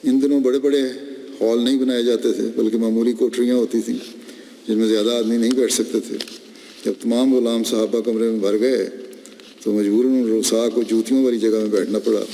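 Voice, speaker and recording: A man giving a Friday sermon, telling a story in a slow, measured way. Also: medium pitch, level tone, mellow, a little hiss or hum. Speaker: preacher. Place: mosque. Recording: long reverb of a large hall.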